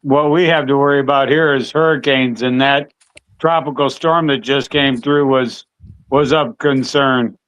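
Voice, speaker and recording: A man talking in a steady, plain-spoken way on a call in a casual conversation. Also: medium pitch, measured pace, clear, resonant tone, low-quality recording.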